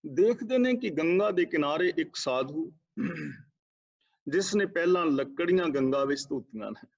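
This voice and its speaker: A man giving a sermon that explains scripture, reciting verses slowly and deliberately. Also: fairly high pitch. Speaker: Sikh preacher. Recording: slightly muffled lo-fi recording.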